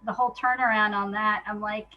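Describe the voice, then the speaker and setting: As an interview guest, a woman talks in a casual, reflective way, candid and hesitant and often restarting her thoughts. Her medium-pitched voice is fairly even and a little fast. The audio is dull, with noticeable background noise.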